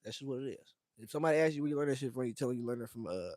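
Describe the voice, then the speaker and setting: A man's voice: mid-range voice, lively intonation, racing, darkish tone, no echo, studio quality. A young man from the United States speaking straight to his viewers in a casual livestream rant, slangy and emphatic, calling everyone fam and bro. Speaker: streamer talking to viewers.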